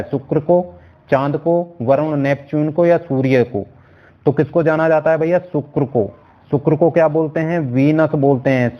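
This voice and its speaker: A man teaching an exam-prep science lecture, asking the class questions and repeating each answer several times. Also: a little high. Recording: dull lo-fi sound.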